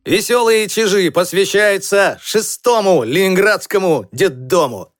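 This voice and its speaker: A man's voice: high voice, measured pace, over music. A man reading children's poems aloud with a rhythmic, sing-song delivery. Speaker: reader.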